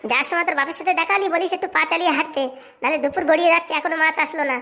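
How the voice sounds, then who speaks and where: This is a shrill, scolding cartoon wife who nags without pause, played by a woman. Her voice sits high and her words race out very fast. She sounds sharp-tongued and bossy. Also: steady tone, heavily acted. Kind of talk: cartoon voice acting.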